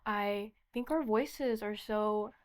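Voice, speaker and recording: A woman's voice: medium pitch, slow pace. A young woman giving earnest interview answers as a pageant candidate. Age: young adult.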